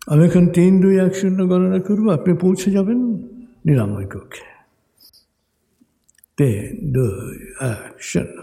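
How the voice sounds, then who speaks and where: Very mellow, reverberant male meditation guide. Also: sits high, very animated. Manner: slow, soothing, measured instruction with pauses. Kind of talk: guided meditation, hypnotic countdown. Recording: long hall reverb over music. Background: music.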